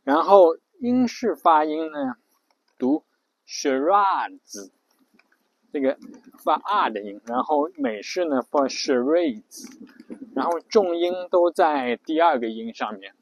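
Slow, chatty man hosting an audio show. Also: a little high, big pitch swings, creaky, rough recording. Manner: chatty, thinking aloud with many fillers. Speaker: podcast host. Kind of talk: casual explainer monologue.

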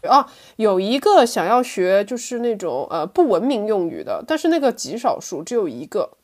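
A woman chatting casually as an interview guest, telling anecdotes in an animated way. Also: medium pitch, moderate pace. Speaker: podcast guest, language teacher.

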